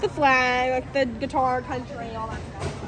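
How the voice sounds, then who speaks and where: A woman vlogging at a mountain cabin, chatty and excitable as she explains things to her viewers. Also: high voice, normal speed. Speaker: family vlogger. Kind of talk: casual vlog chat. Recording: noisy background.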